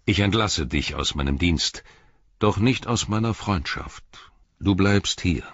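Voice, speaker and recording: A man reading the lines of an old king, grave and commanding, measured in his speech, in a dull lo-fi audiobook recording. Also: low-pitched, lively intonation, fairly bright tone, husky, no room sound, exaggerated voice. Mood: kindly firm.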